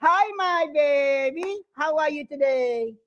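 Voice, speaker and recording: A man's voice: very high-pitched, takes it slowly, a bit bright, muffled recording. A man with an Eritrean accent speaking broken English, playfully flirting and boasting as a comedian on a video chat. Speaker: comedian prank-chatting.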